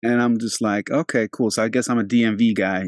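A man's voice: lowish voice, fairly even intonation, a little fast, dry recording, studio quality. A man from Albania in his thirties, hosting an interview in a laid-back, chatty way. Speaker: podcast host. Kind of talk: casual interview talk.

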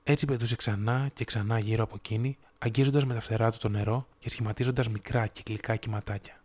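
A man reading a fairy tale aloud in a measured, steady storytelling manner. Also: on the low side. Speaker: audiobook narrator.

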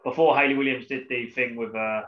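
A blunt man trades crude, mocking jokes on a casual podcast, voice at a middling pitch. The recording is dull and muffled. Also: fairly even intonation, a little fast. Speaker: podcast co-host.

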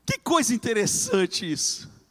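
A man preaching a fervent sermon, swinging between loud cries and hushed lines. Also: high voice, huge pitch swings, measured pace, long reverb tail.

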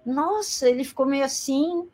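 A woman in her forties from Brazil, telling a personal story as an interview guest in a colloquial, animated way. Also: sits high, normal speed. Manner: animated, colloquial, acts out quoted voices.

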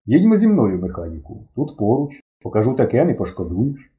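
A man's voice: medium pitch, wildly swooping pitch, a little fast, narrow, tinny audio. A man reading an audiobook, voicing a carefree young guitarist who talks in an offhand, breezy way.

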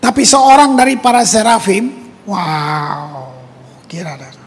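A man, preaching a conversational sermon as pastor, animated and repeating words for emphasis. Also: a little slow, husky. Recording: reverberant hall with faint rumble.

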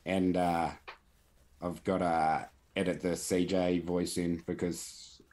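A man's voice: deep voice, little pitch movement, slow, a little mellow. A man hosting a podcast in casual chat, swearing and laughing through banter. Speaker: podcast host.

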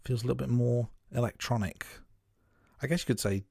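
A man co-hosting a podcast, giving measured, note-by-note commentary on a film. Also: medium pitch, fairly even intonation, vocal fry, a little mellow, no room sound, clean studio sound. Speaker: podcast co-host. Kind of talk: casual film review chat.

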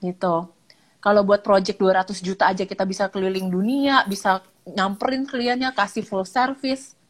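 A woman speaking as a child psychologist in a casual chat, animated, acting out parents' lines with lively intonation and mixing in English words. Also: mid-range voice, moderate pace. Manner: mixes English words into speech. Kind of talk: casual live-stream chat.

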